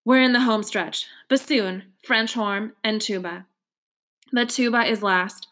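A woman reading a novel aloud with expressive storytelling. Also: mid-range voice, unhurried. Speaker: audiobook reader.

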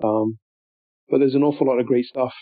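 An older man reminiscing in a rambling, thoughtful way, with many pauses and restarts. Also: medium pitch, fairly even intonation, no room sound. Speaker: interviewee. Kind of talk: reflective storytelling. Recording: tinny phone-like audio.

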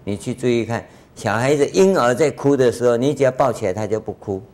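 An older man gives a Buddhist dharma lecture in a conversational way, full of rhetorical questions and drawn-out filler sounds. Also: medium pitch, expressive, a little mellow. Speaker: Buddhist master giving a lecture.

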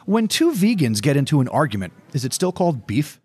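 A man's voice: a little high, very animated, brisk, darkish tone, slightly rough. A man telling one-liner dad jokes as the host, setting each one up and then delivering the punchline.

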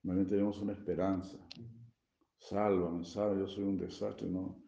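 A man, a swami, giving a sermon-style scripture class, explaining gently with frequent tag questions and chuckling at his own jokes. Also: low-pitched, little pitch movement, normal speed, vocal fry. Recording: echoey room, dull lo-fi sound.

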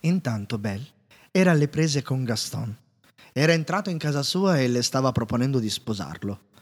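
Man reading a fairy tale, husky. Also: mid-range voice. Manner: calm, measured storytelling. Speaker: narrator. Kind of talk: storybook reading. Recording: reverberant room.

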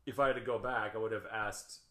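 A man co-hosting a podcast, chatting casually in a joking, relaxed way with some swearing. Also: lowish voice, fast, echoey room. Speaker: podcast co-host. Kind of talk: casual chat.

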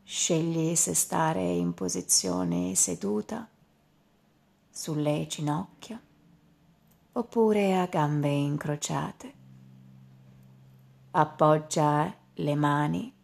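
Woman guiding meditation really slowly, gravelly fry in her voice, lots of soft whispering. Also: fairly low pitch. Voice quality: slow, soft, drifting into whispers. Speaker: meditation guide. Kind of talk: guided meditation.

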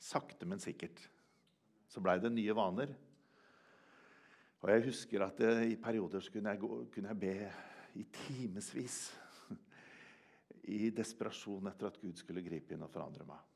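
Older man, preaching, earnest, gravelly. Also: fairly low pitch, long pauses. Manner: earnest, swings from loud emphasis to hushed quiet. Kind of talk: sermon with personal testimony.

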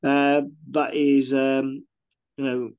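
A man's voice: medium pitch, level tone, slow pace, darkish tone, clean tone, muffled recording. A man who owns a catering business, talking casually in an interview and retelling what his customers said. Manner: chatty, restarts often, retells customer quotes.

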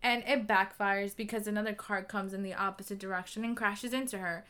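In casual book talk on a podcast she co-hosts, a young woman goes through scenes at length, chatty and full of "like" and "you know." Her medium-pitched voice is steady, smooth, a bit bright and fairly quick.

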